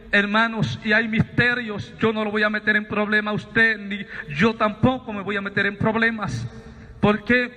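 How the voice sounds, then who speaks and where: A man's voice: sits high, pushed and bright, big-room sound. A male evangelist preaching a fervent testimony sermon, telling his story and often addressing listeners as brothers.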